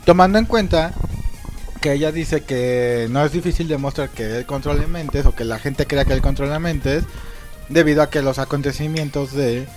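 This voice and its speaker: A man's voice: fairly high pitch, normal speed, over music. A man co-hosting a podcast, cutting in with jokes and asides in casual chat. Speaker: podcast co-host.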